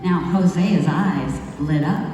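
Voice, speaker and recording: A woman performing a first-person monologue as a wayward young biblical wife who has become remorseful, telling her story slowly and reflectively with dramatic pauses. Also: sits low, mellow. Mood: regretful. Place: large hall at a retreat. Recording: echoey hall from far off, faint music.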